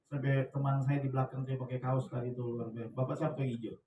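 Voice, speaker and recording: A man's voice: medium pitch, flat delivery, quick pace, mellow, roomy sound, recorded from a distance, muffled recording. A man preaching as a pastor in a church, chatty and joking, with slangy asides and laughter. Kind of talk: lively conversational sermon.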